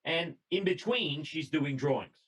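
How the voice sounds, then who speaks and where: A man's voice: a little high, unhurried, a bit bright, slightly rough, poor audio. Conversational man presenting over a video call. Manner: conversational storytelling, reading out notes, small restarts. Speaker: presenter at a radio club talk. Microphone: computer mic on a video call.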